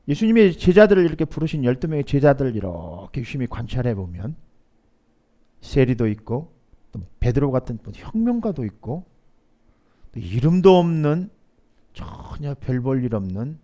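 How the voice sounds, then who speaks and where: Korean pastor preaching with swelling emphasis. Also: male voice, medium pitch. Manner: swings between soft asides and loud emphatic rises; asks the congregation to repeat lines aloud. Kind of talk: sermon.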